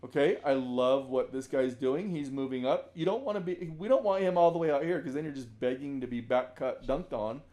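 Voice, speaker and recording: A man breaking down basketball game film as a coach, talking conversationally, often restarting sentences and now and then shouting out example calls. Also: mid-range voice, brisk, few pauses, a little hiss or hum.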